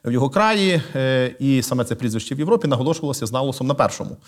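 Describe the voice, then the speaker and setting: Measured scholarly man, pausing to think. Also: medium pitch, lively intonation. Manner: measured and lecturing, frequent "uh" pauses while choosing words. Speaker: guest, literary scholar and museum director. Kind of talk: thoughtful explanatory interview talk.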